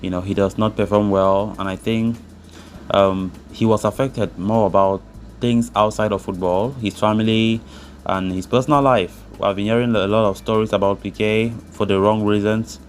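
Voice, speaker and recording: A man with a somewhat deep voice presents football news. He narrates stories and quotes from a script and adds commentary of his own. Music plays quietly behind him. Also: fairly even intonation, normal speed.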